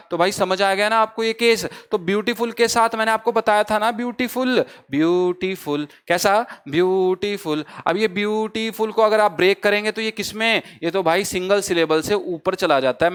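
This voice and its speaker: Man, high smooth voice, grammar teacher, asks and answers his own questions, teasing. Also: fairly bright tone. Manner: asks the class a question, then answers it himself; calls listeners brother and friends. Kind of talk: exam-prep grammar lesson.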